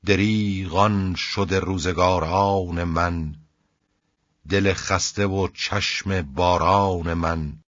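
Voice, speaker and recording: A man with a low, husky voice reciting the lament of a grieving young princess in classical verse, in a measured, rhythmic chant. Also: no room sound. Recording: dull, lo-fi dry recording.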